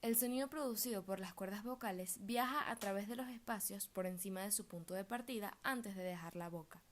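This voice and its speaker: A young woman, a music student, giving a steady, carefully read research presentation. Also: mid-range voice, a little fast. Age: young adult.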